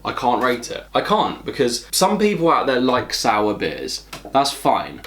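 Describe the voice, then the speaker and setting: A man hosts a casual beer review video from his table. He talks bluntly and swears a lot, sounding exasperated at times. A soft background hiss is heard under his voice. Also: mid-range voice, sing-song, unhurried. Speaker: beer reviewer, channel host. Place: at home, at a table.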